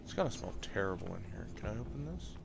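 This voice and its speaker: A man's voice: on the low side, sing-song, fast talker, gravelly, background noise. A man giving casual, reactive gameplay commentary, informally talking to himself and to the game as he plays. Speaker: gamer. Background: game music.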